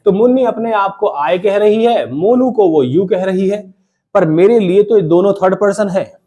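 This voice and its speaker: Teaching an English grammar lesson to a class, this man repeats the key terms and asks students to echo them back in a call-and-response style. His voice sits high and sounds mellow, and he keeps a moderate pace.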